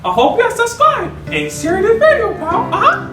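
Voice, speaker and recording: Mickey Mouse. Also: male voice, big pitch swings, moderate pace, gravelly, over loud music, heavily acted. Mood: pleading cheerfully. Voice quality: falsetto, giggly. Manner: chirpy catchphrases. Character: cheerful squeaky male cartoon mouse. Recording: roomy, distant mic.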